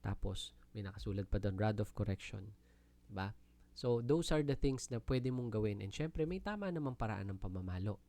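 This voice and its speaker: A man's voice: fairly low pitch, lively intonation, normal speed, warm tone, no room sound. A Filipino man with a Filipino accent giving an earnest, polite Bible teaching talk in mixed Tagalog and English. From Philippines. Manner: earnest, polite, often uses "po" and "no?".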